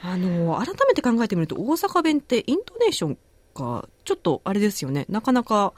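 A woman with an Osaka accent teaching her dialect on a casual radio lesson, gentle and encouraging, laughing easily. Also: medium pitch, wildly swooping pitch, fairly quick, no room sound.

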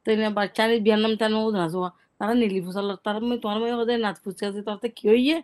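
A woman's voice: mid-range voice, fairly even intonation, very fast, darkish tone. A woman who is a native Rohingya speaker, giving a conversational first-hand account and often repeating words. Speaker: interviewee recounting an eyewitness experience.

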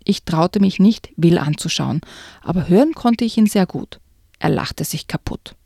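A woman reading a children's book excerpt aloud in a hushed, often whispered way, then chatting about it. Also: on the low side, lively intonation, moderate pace, vocal fry, slightly rough, no room sound, clean studio sound. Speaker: reader and co-host.

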